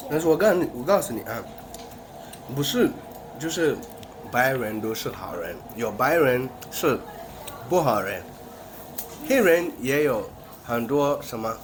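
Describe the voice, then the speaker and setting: A man's voice: medium pitch, sing-song, a little slow, pauses often. A man from Ghana chats casually in Mandarin as a foreigner, using simple repeated phrases. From Ghana, West Africa. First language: not Mandarin, speaks it as a foreign language. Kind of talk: casual chat. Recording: clear background noise.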